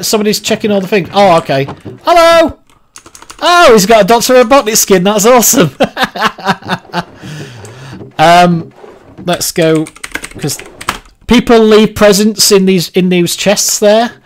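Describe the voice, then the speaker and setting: Rambling streamer, high voice. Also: male voice. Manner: rambling, chatty, quick laughs. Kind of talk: casual livestream chat.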